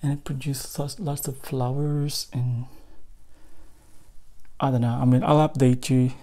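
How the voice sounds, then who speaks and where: A woman's voice: very deep voice, flat delivery, unhurried, warm tone. A woman giving a casual tour of her houseplants at home, hesitant and self-deprecating, with many fillers. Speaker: plant vlogger. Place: spare room at home.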